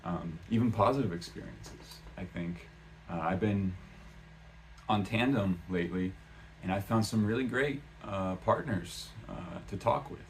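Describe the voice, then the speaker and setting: A man's voice: deep voice, measured pace, slight background noise. A man talking casually in a vlog about learning a language, rambling with lots of "um" and "uh" and restarting his sentences. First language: English. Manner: rambling, many fillers and restarts.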